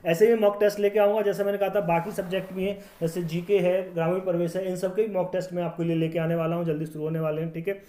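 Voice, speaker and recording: A male teacher going through exam-prep quiz questions, repeating each question and checking in with the viewer, his sentences often trailing off quieter. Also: high-pitched, flat delivery, fast talker, few pauses. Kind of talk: quiz walkthrough, explaining answers.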